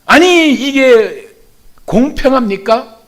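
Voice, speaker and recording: A man voicing an indignant day laborer loudly protesting that his pay is unfair. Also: animated, slow, full character voice. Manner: loud, protesting, raised pitch.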